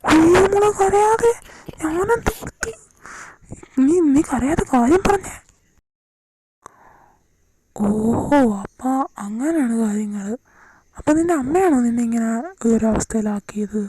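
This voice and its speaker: A woman's voice: high voice, lively intonation, a little slow, pauses often, warm tone, no echo, rough recording. A woman voicing a young man, snappy at first and then soothing, in an amateur fan audio drama. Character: young adult man, gruff then kind.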